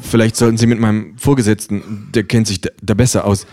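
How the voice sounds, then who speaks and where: Besetzung: Mann als nervöser junger Bankberater, stockt und zögert. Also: male voice, lowish voice, flat delivery, a little fast, warm tone, close to an everyday voice. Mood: flustered. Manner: hesitant, stammering. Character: flustered young male bank advisor.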